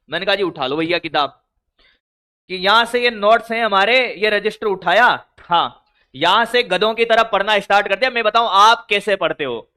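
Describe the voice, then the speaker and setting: A man's voice: high-pitched, bright, forceful tone, clean tone. A physics teacher giving scolding, motivational study advice, full of rhetorical questions to his students.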